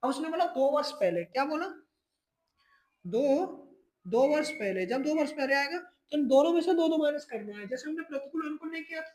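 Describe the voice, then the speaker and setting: High-voiced teacher walking through math steps. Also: expressive, a little mellow, low-quality recording. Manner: addresses students as children, keeps checking in with "ठीक है"; repeats and restates each step slowly. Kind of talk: step-by-step board exam math lesson.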